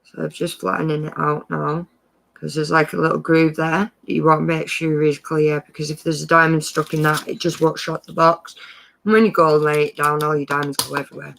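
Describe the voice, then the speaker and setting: A casual live-stream tutorial voice, rambling and friendly, full of small self-corrections. The tone is crisp and bright with a gravelly fry underneath. The pitch stays level with little rise and fall. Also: flat delivery, brisk, rough recording. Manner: gives friendly practical tips.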